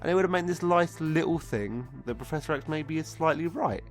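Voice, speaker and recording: Over soft background music, a man with a fairly quick, higher-pitched voice delivers a casual, comedic film review while drunk. He rambles off script, swears often and sounds exasperated, getting drunker as he goes and losing his thread.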